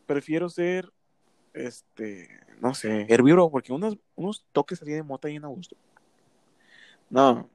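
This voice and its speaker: A young man with a Mexican Spanish accent jokes around on a casual podcast, teasing his co-host and laughing a lot. His voice sits a little high for a man. The recording is close and dry. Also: animated, unhurried, a little mellow, dry recording. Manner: joking, teasing, laughs often.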